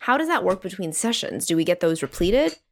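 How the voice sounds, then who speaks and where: A woman's voice: fairly low pitch, big pitch swings, brisk, a little hiss or hum. A woman playing a tabletop game, chatting casually in an offhand way. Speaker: player.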